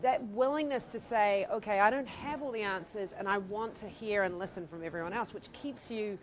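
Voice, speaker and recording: A middle-aged author with a New Zealand accent appears as an interview guest, talking enthusiastically and laughing often. Her voice is medium-pitched and brisk, though the audio quality is poor.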